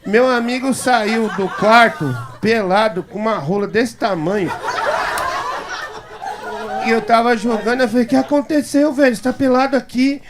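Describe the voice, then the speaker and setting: A man telling a comic anecdote as a guest on a talk show, animated and chuckling as he acts out the quoted voices of others. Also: extremely high pitch, moderate pace, background noise. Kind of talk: comic anecdote told to a live audience. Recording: live talk show with audience laughter. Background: studio audience laughter.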